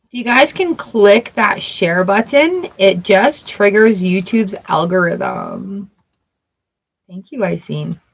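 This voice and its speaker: In a husky, ordinary-pitched voice with vocal fry, a woman reads tarot slowly and with animation. She recites each card's text, then drifts into loose, playful chatter.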